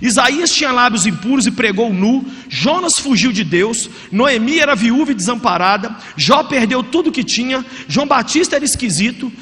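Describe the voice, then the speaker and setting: A Brazilian man preaching with a very high, bright, ringing voice. He is energetic and joking, and he acts out the excuses he quotes. A long church reverb trails his words. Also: normal speed, few pauses, slight background noise. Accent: Brazilian Portuguese. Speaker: pastor. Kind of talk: sermon.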